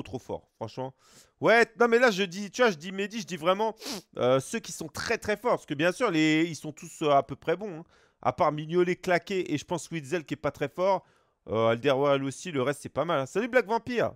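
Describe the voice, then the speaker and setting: A man's voice: fairly high pitch, no room sound, studio quality. A Belgian man with a Belgian French accent, streaming live as he opens packs, greeting chat viewers and swearing casually.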